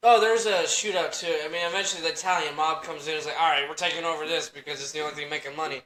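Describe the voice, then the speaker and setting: A man's voice: on the high side, steady tone, racing, a bit bright. A man in his twenties hosting a podcast, joking crudely and swearing in casual chat. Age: 20s. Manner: crude joking, swears a lot, laughs often. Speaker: podcast host. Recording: roomy echo.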